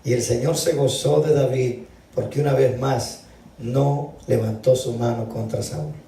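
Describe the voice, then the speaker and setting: A man's voice: medium pitch, fairly even intonation, a little slow, warm tone. A man preaching an evening sermon, reading scripture aloud and calling his listeners brother. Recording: echoey hall, distant mic.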